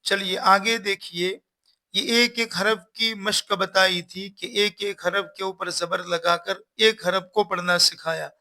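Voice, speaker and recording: Man teaching quran reading, fairly high voice, kinda flat, spells out each letter one at a time. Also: slow pace. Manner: patient, repeats instructions and sounds out letters one by one. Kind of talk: recorded lesson.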